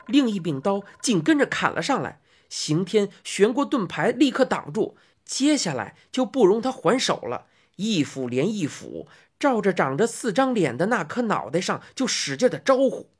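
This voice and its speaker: A woman's voice: mid-range voice, very animated, moderate pace, few pauses, slightly rough. A woman narrating a children's fantasy story expressively, voicing sound effects.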